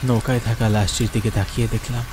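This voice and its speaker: Rain falls clearly in the background as a man speaks fast in a lowish, level voice. He delivers scripted first-person horror narration with theatrical earnestness and drama.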